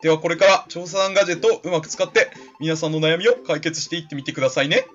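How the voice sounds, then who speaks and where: A man doing a gentle, polite, mysterious team leader from a game, speaking soft and composed. The voice has a bright edge, heard through a slightly dull lo-fi recording. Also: a little high, very fast, soft background music, close to an everyday voice. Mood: calm, polite.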